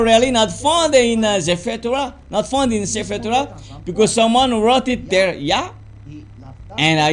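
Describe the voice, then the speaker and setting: Male preacher, high-pitched, slow and deliberate, emphatic. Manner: slow and deliberate, spells out words letter by letter, rising to emphatic insistence. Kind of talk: sermon teaching.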